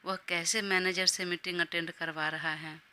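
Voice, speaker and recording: A woman's voice: on the low side, level tone, moderate pace, sharp tone. A woman voicing a teasing young man. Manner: playful, ribbing. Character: teasing young man, husband's best friend.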